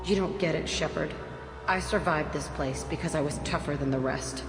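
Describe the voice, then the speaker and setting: Her voice sits low and moves at normal speed as this actress portrays a blunt, foul-mouthed, bitter young woman, once a test subject. The recording is reverberant, with loud game music behind her.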